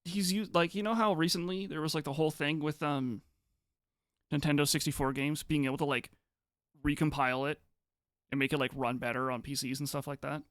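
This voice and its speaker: A man's voice: on the high side, fairly even intonation, brisk, a bit bright, no echo, clean studio sound. A man streaming live, chatting casually with viewers in a rambling, hesitant way, often restarting his sentences. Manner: reads and answers chat messages.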